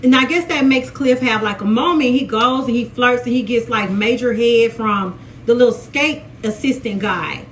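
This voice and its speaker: A woman's voice: fairly high pitch, moderate pace, a little hiss or hum. A woman from Mississippi with a Southern accent, chatting casually through a TV episode recap and often restarting her sentences. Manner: chatty, animated, restarts a lot. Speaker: TV recap vlogger.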